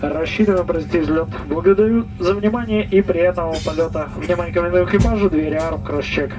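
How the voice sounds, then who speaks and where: A man, an airline captain, giving a brisk, formal in-flight announcement over the cabin loudspeaker. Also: high-pitched. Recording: muffled distant cabin loudspeaker with music.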